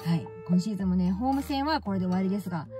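A woman's voice: medium pitch, expressive, rapid-fire, dark tone, faint music behind. A woman vlogger telling stories casually and animatedly, often exclaiming and laughing at herself. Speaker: baseball fan vlogger. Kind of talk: casual storytelling vlog.

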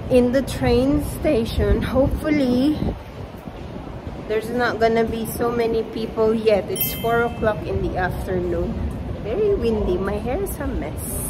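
A woman in her thirties talks to her phone held at arm's length, her words slow and gentle as she chats with viewers. Her voice sits a little high, and loud station noise rumbles behind her. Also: lively intonation. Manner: gentle, chatty, encouraging. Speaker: vlogger. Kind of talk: casual vlog chat. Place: train station and sports hall.

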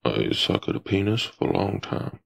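A man voicing a blunt, grumbling old grandpa in an amateur cartoon, with a raspy grandpa voice. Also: deep voice, big pitch swings, normal speed, heavily acted. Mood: matter-of-fact. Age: older.

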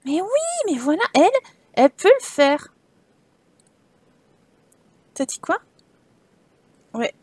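A woman's voice: high-pitched, expressive, slow pace, pauses often, dry recording. A young woman giving casual commentary while playing a life-simulation game, talking to her characters and swearing at the game in exasperation. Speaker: Sims let's play streamer.

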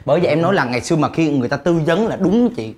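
A woman's voice: low voice, expressive, racing, darkish tone. A woman playing a stammering wannabe rapper. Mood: pleading. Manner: stammering, fawning. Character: clumsy stammering wannabe rapper, eager to please. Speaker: comedy sketch performer. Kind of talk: stage comedy sketch.

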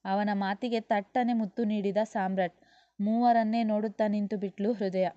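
A woman's voice: mid-range voice, steady tone, moderate pace, warm tone, no room sound, muffled recording. Woman narrating a serialized novel.

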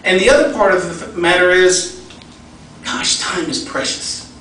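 A middle-aged man telling a heartfelt personal story to an event crowd, folksy and earnest. His voice sits a bit high and swings widely in pitch. He is picked up from a distance in a very echoey hall, with faint noise behind him. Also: expressive, moderate pace, sharp tone. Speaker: speaker at a fundraising event.

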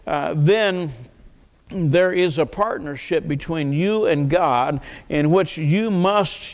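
An older man preaching an earnest sermon at a church pulpit, asking the congregation questions and often repeating words. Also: on the high side. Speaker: pastor. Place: church sanctuary, at a wooden pulpit. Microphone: pulpit mic. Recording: long reverb of a church hall.

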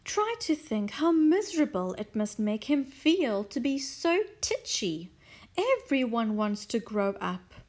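Brief: woman voicing a kindly, doting storybook lady, high and fluttery, slow and sing-song. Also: big pitch swings, darkish tone. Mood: doting, pleading. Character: sweet, gushing kindly woman doting on her pet tortoise.

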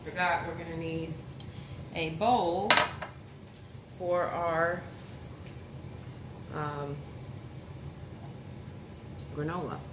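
Speaking very slowly and pausing often, this woman in her thirties has a low-pitched voice with a steady tone. A food reviewer vlogger, she tastes food and chats casually at home, unwrapping food as she talks to viewers and her son at the table in a homey way. The home dining room echoes, and background noise is clear.

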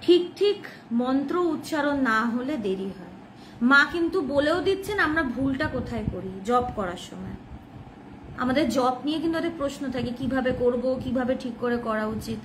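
A woman's voice: high-pitched, expressive, moderate pace, a little hiss or hum, poor audio. A woman with a Bengali accent giving a devotional talk, earnest and explanatory, asking questions and answering them herself. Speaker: devotional speaker.

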